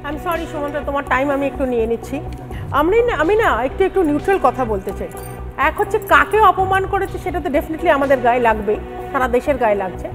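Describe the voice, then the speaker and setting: High-voiced woman party spokesperson arguing. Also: animated, a little fast, a bit bright, faint music behind. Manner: emphatic, mixes English phrases into her speech. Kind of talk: TV panel debate argument.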